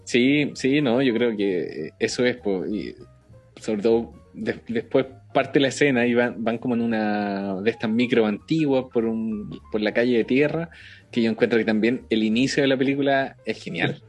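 A man's voice: medium pitch, moderate pace, faint music behind. A man with a Chilean accent chatting casually about a film and acting out its characters' lines as he retells scenes.

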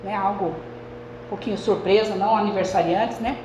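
A woman's voice: mid-range voice, fairly even intonation, brisk, darkish tone, slight background noise. A woman pastor, preaching a sermon in a chatty way and often turning to the congregation. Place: church hall. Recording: echoey church hall, faint ambience.

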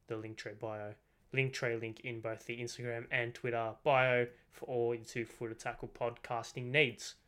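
A man's voice: medium pitch, fairly bright tone. A teenage man with a slight lisp from braces, hosting a casual solo football podcast, rambling and correcting himself as he goes. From Australia. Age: teens. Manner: rambling, self-correcting, chatty. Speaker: podcast host. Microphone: desk microphone.

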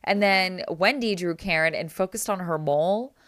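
A young woman with a low, smooth, crisp voice recaps reality TV in a chatty, laughing way. The sound is dry and close, with no room around it. She talks casually as a co-host over a remote call. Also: moderate pace, fairly bright tone, dry recording. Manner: chatty, narrates scenes, laughs often. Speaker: podcast co-host. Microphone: remote call audio.

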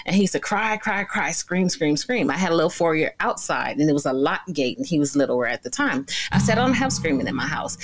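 A woman co-hosting a talk show, telling a story in a casual, animated way and acting out what people said. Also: mid-range voice. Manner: animated, acts out quotes.

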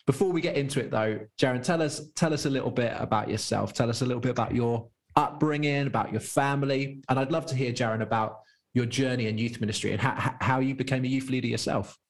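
A man's voice: mid-range voice, fast talker. A man hosting a leadership podcast, welcoming and questioning his guest in an effusive manner with many restarts. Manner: warm and effusive, with repeated restarts. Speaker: podcast host. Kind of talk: podcast interview.

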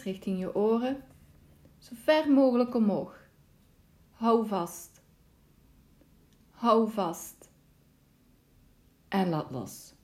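A woman with a medium-pitched voice leads a guided yoga nidra relaxation meditation, giving calm, soothing instructions at a measured pace.

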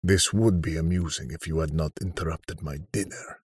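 A contemptuous, deadly older killer who drawls his threats slowly, as a man voices him in an audiobook. The voice sits low and a little husky, close and dry with no room around it. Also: steady tone, darkish tone, no echo. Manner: slow, contemptuous, menacing. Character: cold, arrogant older male superhuman killer. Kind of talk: audiobook character reading.

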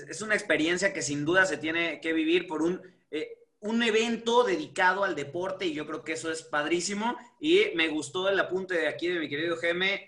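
Guy hosting a podcast, bright forceful voice, upbeat. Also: a little high. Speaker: podcast host.

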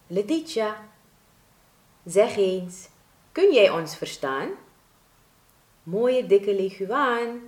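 A woman voicing a friendly family of grass blades who whisper in rhymes in a storybook. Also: mid-range voice. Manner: sing-song whispering, rhyming. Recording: roomy echo.

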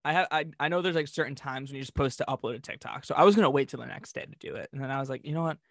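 A man's voice: mid-range voice, very fast, no echo, clean studio sound. A man co-hosting a podcast, bantering and telling stories casually with wry, self-deprecating humor. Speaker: podcast co-host. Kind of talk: casual comedic storytelling and banter.

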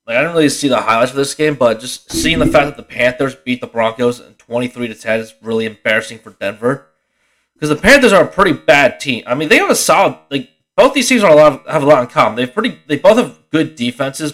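A man's voice: mid-range voice, animated, brisk, a bit bright. A tired young man talks through a casual solo sports podcast, rambling, swearing freely and often restarting his sentences. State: tired, yawning. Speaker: podcast host.

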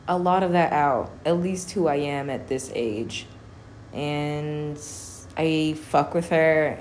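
A young adult woman hosting a solo podcast, rambling casually with lots of fillers, cussing and quick laughs. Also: sits low, darkish tone, a little hiss or hum. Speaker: podcast host.

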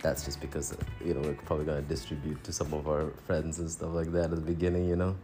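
Very deep-voiced man, rambling podcast chat. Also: little pitch movement, fast talker, music in the background. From Tanzania. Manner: rambling, restarts often, chuckles between thoughts. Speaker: podcast co-host. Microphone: phone.

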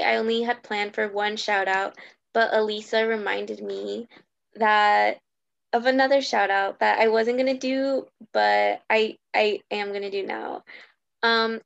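A woman's voice: mid-range voice, vocal fry, fairly bright tone, no room sound. A young woman co-hosting a podcast in casual chat, rambling with many fillers. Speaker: podcast co-host. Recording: dull lo-fi sound.

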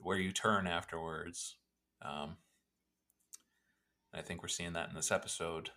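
A man's voice: low voice, flat delivery, a little slow, pushed and bright. A man co-hosting a podcast, chatting casually and rambling with self-deprecating jokes. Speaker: podcast co-host. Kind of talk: casual chat.

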